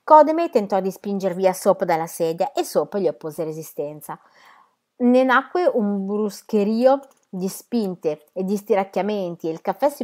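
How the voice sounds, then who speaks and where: A woman reading a novel aloud, narrating in a steady, measured way. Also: medium pitch. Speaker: reader. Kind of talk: audiobook narration.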